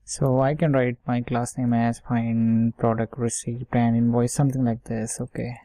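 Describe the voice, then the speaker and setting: With a flat delivery at normal speed, a man's warm, mid-range voice explains code step by step over a screen share, free of echo. As a software tutorial instructor, he's informal, mutters words while typing, and checks in often with "okay" and "right."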